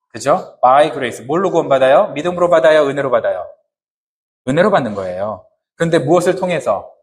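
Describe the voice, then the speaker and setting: A man preaching a sermon who keeps asking the congregation questions and answering them himself, in casual, joking everyday words. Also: mid-range voice. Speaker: pastor.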